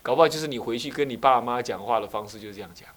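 A man with a Taiwanese Mandarin accent, a Buddhist abbot giving a dharma talk, animated and full of rhetorical questions to his listeners. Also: medium pitch, rapid-fire. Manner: slips into acted voices of family members.

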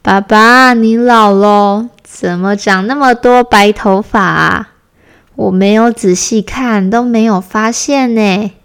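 A woman voicing a warm, caring mother bear in a children's bedtime story. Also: mid-range voice, slow pace, clean tone. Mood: teasing. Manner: kind, gently scolding.

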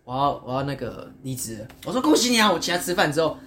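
A woman with a Taiwanese Mandarin accent co-hosting a podcast in casual chat, animated and laughing often. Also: sits low, fast, a little hiss or hum. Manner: animated, laughs often, mixes English words. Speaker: podcast co-host.

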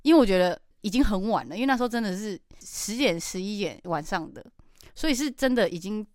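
Podcast co-host: young woman, quick and lively, dry close mic. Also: medium pitch, dry recording. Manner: animated storytelling, frequent laughter, exasperated. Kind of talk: casual chat.

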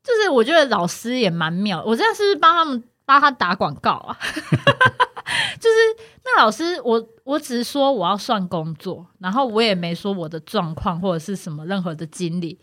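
A woman's voice: medium pitch, moderate pace, no echo, studio quality. A woman from Tainan, hosting a casual podcast and telling a story, acting out the voices of the people in it. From Tainan, Taiwan. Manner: lively, acts out the voices of people in her stories. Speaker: podcast host.

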